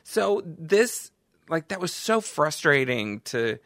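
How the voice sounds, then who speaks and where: A man's voice: fairly high pitch, dry recording, clean studio sound. A man co-hosting a podcast in casual chat, talking expressively and laughing often. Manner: chatty, expressive, quick laughs. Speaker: podcast co-host.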